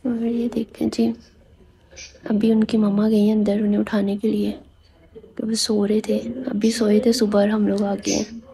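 A young woman records a relaxed vlog on a phone held at arm's length, describing her day at home and in an auto-rickshaw and blending in English words. She speaks at a moderate pace in a medium pitch with little variation, keeping to a hushed half-whisper indoors.

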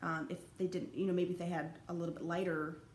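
A young woman teaching college anthropology talks fast over slides in a low, darkish voice with little pitch movement. The lecture is casual and rambling, full of fillers and restarts, recorded in an echoey room with faint background noise.

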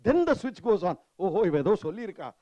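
A man's voice: high voice, expressive, very fast, mellow, no room sound, highs cut off. A man in his sixties with a South Indian accent, lecturing interactively with personal anecdotes and often checking that listeners agree, on a handheld microphone. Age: 60s. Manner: rhetorical questions and frequent checks for agreement; switches between English and Tamil. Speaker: retired professor giving a lecture. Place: indoor seminar room. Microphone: handheld microphone held near the mouth.

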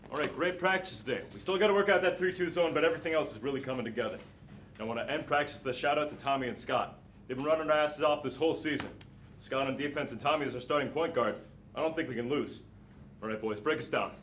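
A man playing an encouraging basketball coach who rallies his team in a brisk way. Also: medium pitch, a bit bright, close to an everyday voice. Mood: rallying. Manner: rallying, brisk. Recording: distant, noisy.

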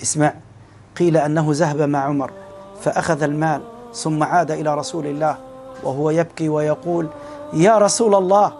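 A man with an Egyptian Arabic accent delivering an impassioned sermon, swinging between loud and soft. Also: fairly high pitch, flat delivery, a little fast, slight background noise. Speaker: preacher.

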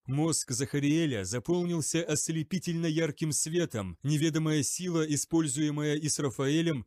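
A man's voice: a little high, a little mellow, no echo, clean studio sound. Man narrating an audiobook. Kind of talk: scripted narration.

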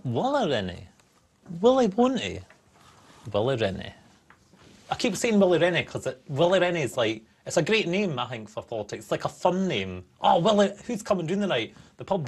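An actor playing a cheerful, dim Scottish soldier who interviews guests in a comedy show, blunt and rambling. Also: male voice, a little high, very animated, moderate pace, breathy edge, heavily acted. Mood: cheeky.

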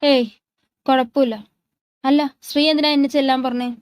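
A young woman who hides her hurt, stumbling over words and brushing off concern, voiced by a woman reading aloud. Her voice sits fairly high, and the sound is dry and close. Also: level tone, normal speed, no room sound, close to an everyday voice. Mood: hiding sadness. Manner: hesitant, brushing things off.

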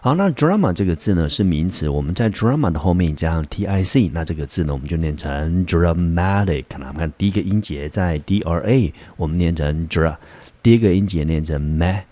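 A man with a deep, low voice, teaching a vocabulary lesson. He explains step by step, sprinkles in filler particles, and reads the English example sentences slowly and carefully. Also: animated, warm tone. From Taiwan. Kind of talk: recorded classroom vocabulary lesson.

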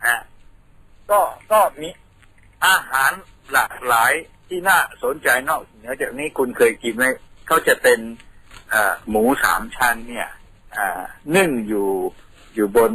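A man's voice: mid-range voice, lively intonation, unhurried, sharp tone, breathy edge, rough recording. A man from Thailand, a radio guest patiently explaining things in a studio, telling them like a story.

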